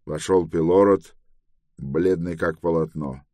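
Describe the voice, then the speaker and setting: A male audiobook narrator with a very deep voice. He reads in a steady, unhurried way. The sound is close and completely dry. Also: no room sound.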